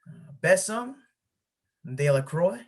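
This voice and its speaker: Playing a folksy, businesslike village official who runs the lottery, an amateur actor speaks slowly and hesitantly in a medium-pitched, slightly mellow voice with lively intonation. The one-act play was filmed on a video call.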